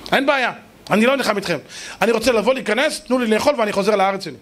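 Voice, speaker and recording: A man's voice: sits high, fairly bright tone, voice pushed up. A man putting on the voice of a boastful, naive ancient king who begs and pleads, inside a sermon story. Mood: pleading. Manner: eager, whining, begging.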